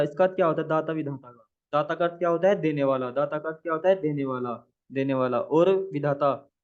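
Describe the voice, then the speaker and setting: Man repeating answers over a tinny line. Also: a little high. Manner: repeats each question and answer several times; asks the viewer questions, then answers them. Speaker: Hindi exam tutor. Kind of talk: exam practice lesson. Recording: tinny phone-like audio.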